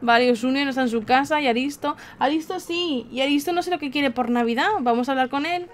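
High-voiced Spanish woman, theatrical. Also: quick pace. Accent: Spain Spanish. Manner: theatrical mock-grief, exclaiming to viewers. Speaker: gaming channel host. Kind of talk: gameplay commentary. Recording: faint background game music.

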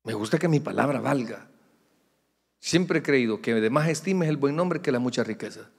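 Middle-aged pastor preaching in a hall. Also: male voice, medium pitch, expressive, moderate pace, creaky, slightly rough. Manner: conversational preaching with humorous asides to the congregation. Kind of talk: sermon. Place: church sanctuary.

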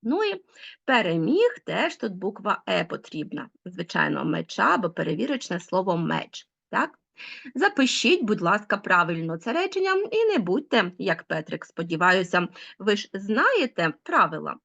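A woman teacher giving an online school lesson, explaining rules with lively, rising emphasis. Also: medium pitch, moderate pace, gravelly. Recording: dull lo-fi sound.

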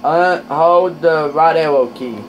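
A man chatting casually while playing a trucking game with a friend, rowdy, swearing a lot, with loud excited outbursts. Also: fairly high pitch, slow, lo-fi sound, slight background noise.

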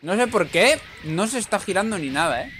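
A man with a Spain Spanish accent giving excitable, teasing commentary over his own online fighting-game matches. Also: high-pitched, a little fast, slight background noise. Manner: excitable, teasing, frequent "tío". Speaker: gaming YouTuber. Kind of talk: live gameplay commentary.

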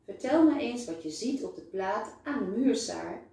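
A woman's voice: on the high side, lively intonation, moderate pace, vocal fry, mellow, voice pushed up. A woman voicing a friendly male doctor who jokes playfully with a small child in a storybook reading. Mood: kind, teasing. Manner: playful, teasing. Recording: very echoey room, voice far from mic.

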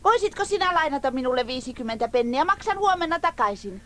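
A woman's voice: sits high, expressive, fairly bright tone, slight background noise. A woman voicing a naive, childlike wooden puppet boy in a storybook cassette. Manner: innocent, childlike, easily fooled.

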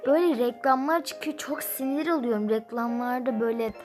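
A woman's voice: on the high side, fairly quick, darkish tone, faint music behind. A young woman playing a mobile number game, commenting casually and grumbling in frustration as she counts numbers aloud.

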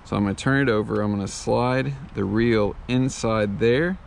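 A man with a lowish, gravelly voice talks through setting up a fly rod and reel in a relaxed tutorial. He explains each step slowly and loosely, with frequent ums and uhs. He is recorded outdoors on a body-worn camera, with faint noise behind him. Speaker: fly fishing instructor. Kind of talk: casual how-to tutorial. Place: outdoors on a lawn.

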